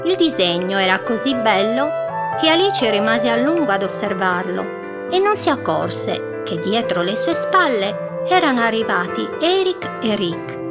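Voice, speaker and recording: A woman narrating a children's story in a gentle, unhurried storytelling manner, stretching words for effect. Clear music plays behind her the whole time. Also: on the high side, very animated.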